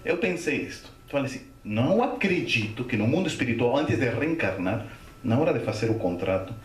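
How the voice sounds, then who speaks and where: A man giving a Spiritist lecture, telling a story and acting out the voices with gasps and shouts. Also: mid-range voice, animated, brisk. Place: lecture hall. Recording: echoey hall, from far off.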